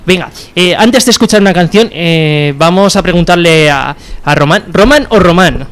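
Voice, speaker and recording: A man's voice: high-pitched, expressive, moderate pace, fairly bright tone. A man hosting a casual radio interview, talking loosely with many fillers and restarts. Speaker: radio host.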